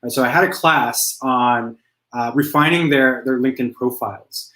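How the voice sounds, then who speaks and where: A man speaking as a career coach guest in a casual interview, relaxed and conversational, often tagging his points with a question. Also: medium pitch, normal speed, reverberant, rough recording. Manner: relaxed, conversational, frequent "right?" tags.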